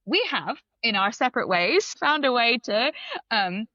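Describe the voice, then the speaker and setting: Guesting on a laid-back podcast, this writer and comedian, a woman from Belgium whose parents are British, hedges a lot and laughs between ideas. She speaks at a measured pace in a fairly high, expressive, sharp voice; the recording has no room sound and trimmed highs.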